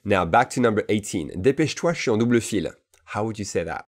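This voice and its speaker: Deep-voiced male teacher, bilingual lesson, casual and repetitive delivery, checks in often. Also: expressive. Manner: explains in French, models English phrases slowly and repeats them; casual asides with frequent "d'accord?" checks. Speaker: English teacher.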